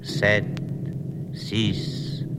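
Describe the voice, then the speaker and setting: A man's voice: extremely slow, in a large hall, very noisy. A man voicing an entranced female goddess in the form of a Greek bust, reciting numbers in a distant, dreamy voice during a dramatic reading of a play.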